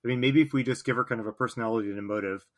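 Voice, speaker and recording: A man's voice: medium pitch, fairly even intonation, rapid-fire. A male podcast co-host in casual discussion, tentative and thoughtful as he works through ideas.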